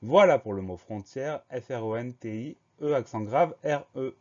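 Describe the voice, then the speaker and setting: A man teaching a French spelling lesson, slowly spelling each word letter by letter and explaining the grammar. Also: medium pitch, muffled recording. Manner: slow, methodical, spells words letter by letter.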